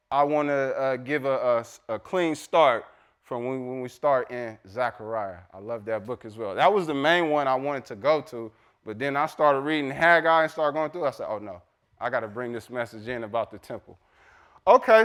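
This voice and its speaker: A man's voice: medium pitch, fairly bright tone, clean tone. A man teaching a casual Bible study, quizzing the group and reading scripture aloud. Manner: chatty, quizzes the group, Southern-style "y'all"; reads scripture aloud slowly.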